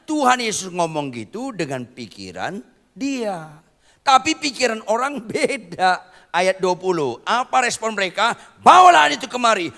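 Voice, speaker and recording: Animated preacher with a gravelly voice. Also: male voice, sits high, big-room sound. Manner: animated preaching, swinging from quiet asides to shouting; teasing the congregation in slang. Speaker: pastor. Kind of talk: sermon.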